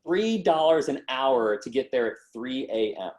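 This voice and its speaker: There's no hurry in this mid-range male voice. A podcast guest in his twenties, he relates his story in a relaxed, slangy, animated style, acting out what others told him.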